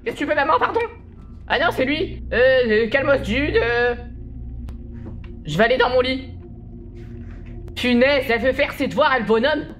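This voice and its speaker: A woman's voice: sits high, animated, moderate pace, pauses often, faint music behind. A woman commenting on a horror game as she plays, jumpy and exclamatory, often laughing through nervous reactions. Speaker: gaming video host.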